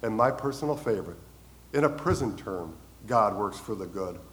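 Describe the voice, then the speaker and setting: A man's voice: fairly low pitch, lively intonation, moderate pace, low-quality recording. Earnest male preacher telling stories. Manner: earnest storytelling, swells then drops softly on key lines. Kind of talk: sermon.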